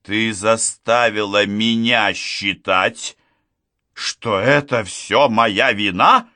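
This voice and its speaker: A man reading an audiobook, voicing a furious, betrayed young woman who accuses and shouts at her friend. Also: medium pitch, no echo, studio quality.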